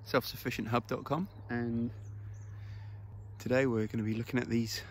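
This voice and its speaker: This foraging channel host, a man in his thirties, films himself outdoors on a grassy hill with a phone held close, explaining things casually with fillers. He has a medium-pitched voice with little pitch movement and a moderate pace, and there is slight background noise.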